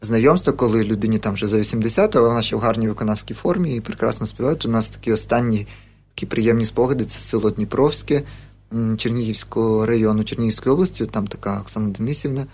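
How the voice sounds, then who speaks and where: A man's voice: fairly low pitch, quick pace, a little mellow, husky. A man, a folk music researcher, explaining things in a radio interview with many fillers and restarts.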